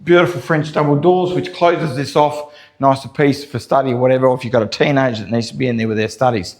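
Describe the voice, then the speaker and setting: A man's voice: mid-range voice, fairly even intonation, quick pace, a little mellow. An Australian man, a real estate agent, giving an upbeat sales walkthrough of an empty house whose bare rooms echo around his voice. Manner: upbeat sales patter, keeps saying folks and okay. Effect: echo of big empty rooms. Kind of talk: property walkthrough tour.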